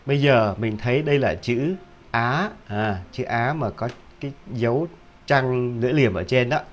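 A man teaching English pronunciation, repeating each word several times and often stopping to check with a quick question. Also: mid-range voice, highs cut off. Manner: drills words by repetition, with frequent rhetorical "hả?" checks. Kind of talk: video pronunciation lesson.

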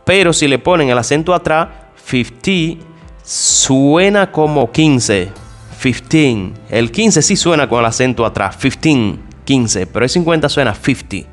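A male English teacher gives a spoken language lesson at a measured pace, his lively voice rising and falling as he addresses listeners directly and informally. He poses questions and answers them himself, saying each example word lower and softer, with faint music underneath.

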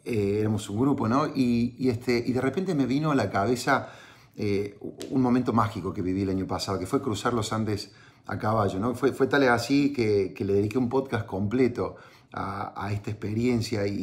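A man's voice: on the low side, brisk. Argentine man telling a motivational story. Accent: Argentine Spanish. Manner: conversational, with frequent tag questions and restarts. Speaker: entrepreneurship podcaster.

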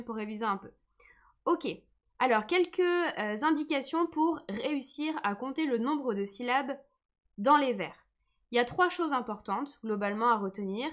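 A woman's voice: sits high, a bit bright. A woman teaching a live online lesson, patient and encouraging, who says she is tired today. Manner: patient, encouraging, reads comments aloud.

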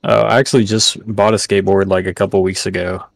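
A man's voice: low-pitched, flat delivery, quick pace, vocal fry, no room sound, studio quality. A man chatting and joking easily with friends while they play a game. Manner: easygoing, laughs a lot, swears. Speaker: gaming friend. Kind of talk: casual gaming chat.

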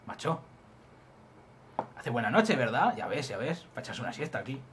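A man's voice: medium pitch, fairly bright tone, a little hiss or hum. A young man with an accent from Spain giving casual, joking gameplay commentary and swearing freely. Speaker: let's play host.

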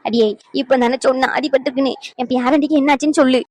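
A woman voicing an anxious, scolding old grandmother in a cartoon family drama, who talks in rapid, scolding chatter. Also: high voice, fairly even intonation, darkish tone. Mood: alarmed.

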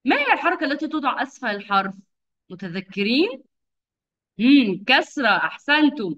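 A woman with a high, very lively voice leads a lesson for young children. She sounds out each syllable patiently and slowly and praises often. The sound is dull and lo-fi, like a video call. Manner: patient, drawn-out enunciation with frequent praise. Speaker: kindergarten teacher.

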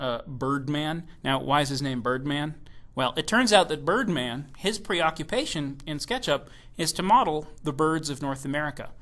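A man with a bright, forceful voice pitched a little high delivers a recorded keynote presentation. He talks with enthusiasm and slips in playful jokes between points. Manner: enthusiastic, joking asides. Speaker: software evangelist giving a keynote.

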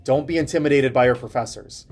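A man in his thirties giving casual study advice to camera, telling stories in an animated way with lots of "like" fillers. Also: medium pitch, fast, soft background music. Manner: animated storytelling with frequent "like" fillers.

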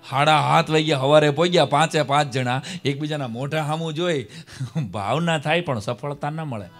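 A man telling comic stories on a live stage, acting out dialogue in lively voices. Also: a little high, normal speed, soft background music. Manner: animated, acts out dialogues, bursts of laughter. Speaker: stand-up comedian and storyteller. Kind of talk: live stage comedy storytelling.

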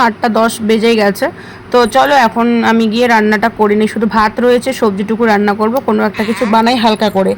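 A woman's voice: on the high side, slight background noise. A young woman chatting casually to her viewers in a home vlog while she cooks in a small kitchen. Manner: chatty, talks straight to viewers while cooking. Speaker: vlogger.

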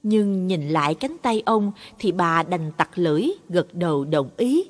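A woman's voice: fairly low pitch, lively intonation, measured pace. A woman narrating a Buddhist morality story with dramatic expression. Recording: long reverb.

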